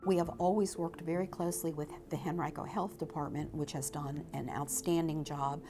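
Woman in her sixties, coordinator, very low pitch, measured tone, music clear behind. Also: fairly even intonation. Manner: measured, appreciative. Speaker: state refugee coordinator. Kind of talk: interview.

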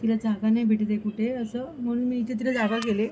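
A woman's voice: fairly high pitch, flat delivery, fast, noisy background. A woman fussing over her cat and talking to it, in a casual home vlog at night. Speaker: vlogger caring for a pregnant cat.

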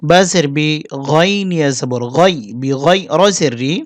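A man with a Bangladeshi Bengali accent teaching Quran reading, spelling out Arabic letters slowly and deliberately, then chanting the verses in a melodic recitation. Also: a little high, dry recording.

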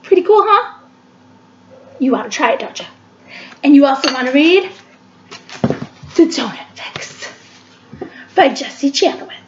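Talking through each step of a cooking demonstration in her home kitchen, the woman, who hosts a library cooking show, speaks a little slowly with long pauses in a high, very animated voice. She's recorded on a webcam across the counter, giving dull lo-fi sound with kitchen echo and a little hiss or hum.

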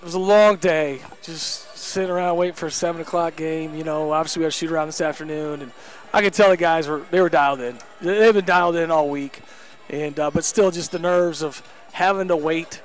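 A head basketball coach in his thirties gives a candid, emphatic post-game interview in an indoor gym, speaking a little fast into a headset mic. His voice is on the high side and steady, and he uses lots of fillers.

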